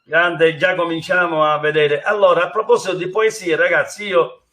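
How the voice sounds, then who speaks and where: A male talk show host with a Sicilian accent and a high voice. He chats with his guests and speaks directly to viewers at home. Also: steady tone, moderate pace, pushed and bright. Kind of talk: live talk show hosting.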